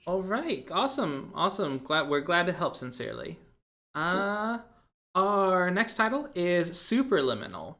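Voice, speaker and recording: A man's voice: high-pitched, very animated, a little slow, sharp tone. A man from Seattle hosting a casual game podcast, chatting about new releases, laughing often and retelling jokes. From Seattle, Washington. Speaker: podcast host.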